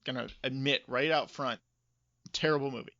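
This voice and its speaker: This podcast co-host is a man with a mid-range, sharp voice who keeps a steady tone and moderate pace. He offers emphatic, informal opinions in a casual chat about video game movies, recorded close but slightly dull.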